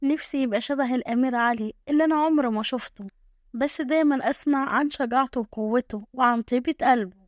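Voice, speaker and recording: A woman's voice: sits high, quick pace, dry recording, clean studio sound, lightly acted. A woman voicing a cheerful, easygoing young village woman with an Egyptian accent, shrugging off insults. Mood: carefree. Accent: Egyptian Arabic.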